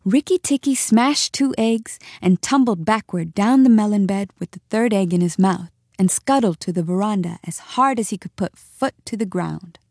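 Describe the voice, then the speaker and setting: A woman narrating a storybook in an expressive, measured reading. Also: mid-range voice, gravelly, no room sound, clean studio sound.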